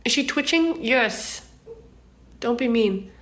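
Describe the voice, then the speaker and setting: This young creator, in her twenties, takes her time answering fan questions into her phone. Her voice is on the high side, expressive and a bit bright, and the candid, casual chat is full of ums and laughter.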